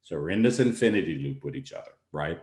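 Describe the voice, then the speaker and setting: A man giving a relationship presentation, telling a story with animated energy and acting out both sides of an argument. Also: rumbling low, fast talker, reverberant. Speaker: relationship speaker.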